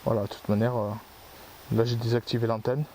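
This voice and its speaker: Man, ghost-hunt host, mid-pitched, rambling explainer, outdoor forest, faint hiss. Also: level tone, brisk, mellow. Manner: rambling, explains his gear at length. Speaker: paranormal investigator, channel host. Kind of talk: casual on-location commentary.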